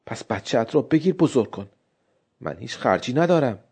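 A man voicing a hushed abandoned young wife. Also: mid-range voice, expressive, slightly rough. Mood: scornful. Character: abandoned young village wife, desperate then bitter.

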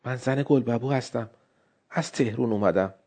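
A man voicing a hushed abandoned young wife. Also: medium pitch, expressive, husky. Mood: pleading. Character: abandoned young village wife, desperate then bitter.

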